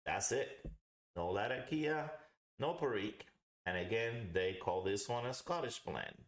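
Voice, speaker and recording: A man's voice: lowish voice, animated, a little slow, slight background noise. Man chatting in an echoey room. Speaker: host of a live pipe tobacco review. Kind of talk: casual livestream chat. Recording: roomy, echoing home recording.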